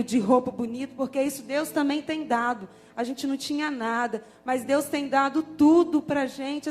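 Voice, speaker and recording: A woman giving an earnest, heartfelt church testimony, halting at times. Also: sits high. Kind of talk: personal testimony.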